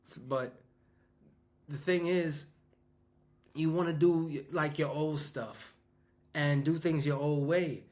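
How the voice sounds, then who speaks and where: Pitched on the high side with a darkish tone, this man speaks slowly and pauses a lot. A fifty-something New Yorker who coaches business and founded a school, he chats loosely with his audience, restarting often and leaning on fillers.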